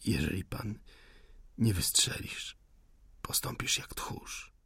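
A man's voice: fairly low pitch, animated, takes it slowly, sharp tone, dry recording, full character voice. A man voicing a whispering wounded rebel. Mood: scornful. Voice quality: weak, breathy whisper. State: in pain, whispering. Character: wounded young male insurgent, defiant, fading. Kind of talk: audiobook dialogue reading.

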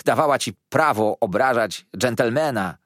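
A man's voice: mid-range voice, expressive, moderate pace, a bit bright, no room sound, clean studio sound, pitched above the performer's own voice, lightly acted. A man voicing a meek male schoolteacher who has lost his patience, speaking in a raised, strained, pleading voice. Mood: exasperated.

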